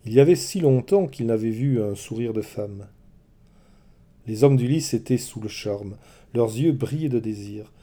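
A man telling a mythology story in scripted, expressive narration. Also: medium pitch, moderate pace.

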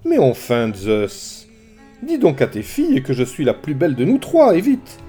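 A man putting on a shrill, haughty queen goddess. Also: wildly swooping pitch, normal speed, mellow, soft background music. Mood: imperious. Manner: demanding, shrill.

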